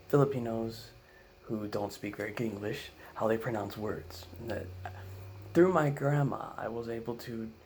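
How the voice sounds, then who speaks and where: A man's voice: fairly low pitch, slight background noise. A man from the United States telling a comic family story, rambling with fillers and frequent "right?" asides. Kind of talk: comedic storytelling.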